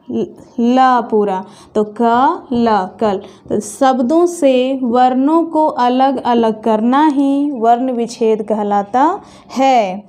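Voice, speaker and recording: A woman teacher explaining step by step, asking questions and answering them herself, and slowing down to sound things out carefully. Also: on the high side, warm tone. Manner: slows to drawn-out, careful pronunciation of sounds. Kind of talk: classroom lesson.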